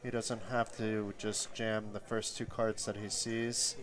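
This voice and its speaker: A man's voice: on the low side, level tone, unhurried, fairly bright tone. A man commentating on a live poker tournament, explaining the play in an analytical way.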